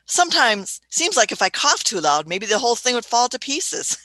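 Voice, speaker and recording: A woman's voice: a little high, sing-song, normal speed, bright, forceful tone, no room sound, rough recording. A woman voicing a fussy elderly Doctor who chuckles, hums and uses old-fashioned phrases in a radio play. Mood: testy. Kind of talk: amateur radio play acting.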